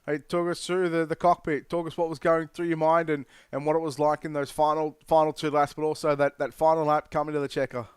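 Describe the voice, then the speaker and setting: A man's voice: fairly high pitch, little pitch movement, fairly quick, few pauses, clean tone, no echo, clean studio sound. A man with an Australian accent hosting a sim racing broadcast. He interviews drivers and signs off in an upbeat announcer style. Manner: upbeat announcer, punchy sign-off phrasing. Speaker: race broadcast host.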